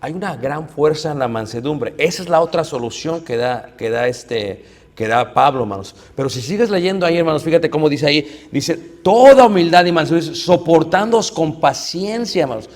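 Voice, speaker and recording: Animated preacher in a church hall. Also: male voice, fairly high pitch, normal speed. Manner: animated storytelling, acts out quoted voices. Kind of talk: sermon.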